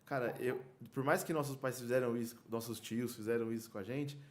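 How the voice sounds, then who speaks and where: Brazilian male podcast co-host, mid-range voice, halting and informal. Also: medium pitch, fairly even intonation. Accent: Brazilian Portuguese. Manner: halting, restarts often, chuckles. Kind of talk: casual chat.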